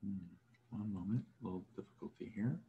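Low-voiced man moderating a webinar. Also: narrow, tinny audio, a little hiss or hum. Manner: measured, with frequent fillers. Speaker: panel moderator. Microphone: video call.

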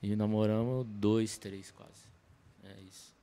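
A man, telling his story as a podcast guest in a relaxed, slangy way, recorded on a desk mic in a small studio. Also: fairly low pitch, takes it slowly, creaky. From Campinas, Brazil. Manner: relaxed slangy storytelling, many fillers and self-corrections. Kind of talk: casual storytelling interview. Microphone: desk mic on stand.

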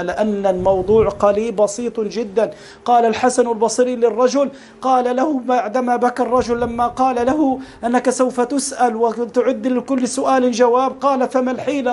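A male Egyptian preacher with a high voice, delivering a fervent sermon at a rapid clip. He keeps calling out to his listeners as beloved brothers. A faint hiss of noise sits under the recording. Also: a little mellow. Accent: Egyptian Arabic.

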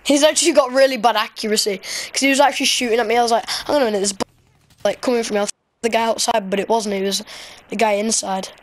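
A woman with a Yorkshire accent commentating her gameplay live, excitable and bursting into shrill outcries between muttered asides. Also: quick pace, slight background noise. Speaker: gaming commentator.

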